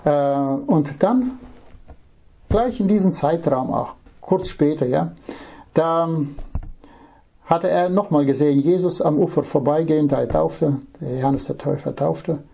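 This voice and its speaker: A man preaching a Bible-teaching sermon, reading scripture verses slowly and then explaining them, earnestly speaking straight to the listener. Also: on the high side, vocal fry, mellow, slightly rough. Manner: earnest, addresses listener directly with "ja?".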